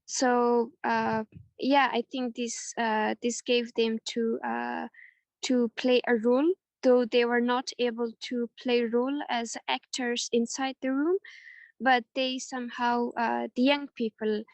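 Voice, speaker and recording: A woman's voice: a little high, little pitch movement, measured pace, vocal fry, dry recording. A young woman from Afghanistan speaking on a webinar panel, earnest and hesitant, with many fillers. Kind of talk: webinar presentation.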